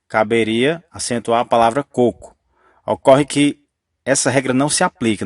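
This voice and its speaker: A man explains grammar rules in a patient, step-by-step teaching voice that keeps restating the key point. His pitch sits in an ordinary middle range. The sound is dry and close, with no room around it. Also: no room sound.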